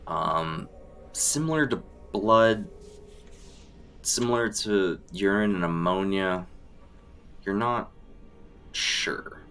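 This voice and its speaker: A man running a tabletop game as game master, setting scenes in a deliberate, descriptive way. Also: deep voice, fairly bright tone. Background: background music.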